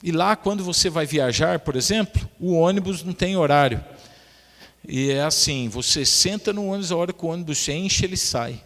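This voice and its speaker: A man's voice: fairly high pitch, normal speed, in a large hall. A male pastor preaching a sermon, telling humorous personal stories to his congregation. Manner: lively storyteller, addresses the congregation as brothers. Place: church sanctuary.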